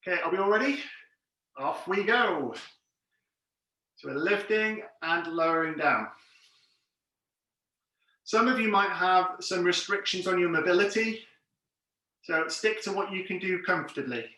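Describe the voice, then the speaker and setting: Echoey, high-pitched man leading an exercise class. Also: lively intonation, measured pace, pauses often, bright, forceful tone. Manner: encouraging, plain step-by-step cueing. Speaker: fitness class instructor. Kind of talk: exercise class instruction with counts and cues. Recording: very echoey room, distant mic.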